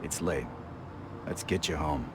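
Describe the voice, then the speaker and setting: An actor playing a gruff, middle-aged veteran police officer in a video game, lecturing in a stern, fatherly way. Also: very deep voice, measured pace, slight background noise. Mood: gentle.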